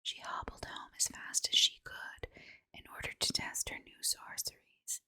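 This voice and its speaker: A woman's voice: normal speed, bright, forceful tone. A woman reads a children's storybook under her breath in an ASMR style, in an unvoiced whisper.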